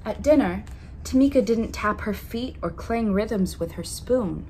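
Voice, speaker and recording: With a warm, expressive, mid-range voice and a slightly slow pace, a woman reads a children's picture book aloud, stretching out key words for emphasis. The recording is low quality, with noticeable background noise.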